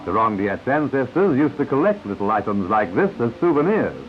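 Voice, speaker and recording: A man's voice: mid-range voice, big pitch swings, fairly quick. Man narrating an old newsreel. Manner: confident announcer delivery with asides to the viewer. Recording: dull lo-fi 1950s newsreel soundtrack. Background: newsreel music.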